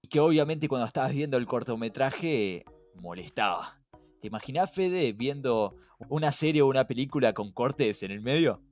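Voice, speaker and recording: A man with a Rioplatense Spanish accent hosts a casual podcast, speaking at a normal pace in an expressive, mid-range voice. He explains things engagingly and poses plenty of rhetorical questions, with music playing in the background.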